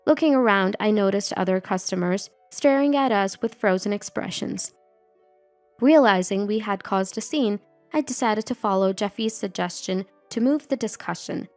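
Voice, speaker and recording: A woman reading a first-person revenge story as a scripted narration, in an even, measured way. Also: mid-range voice, faint music behind.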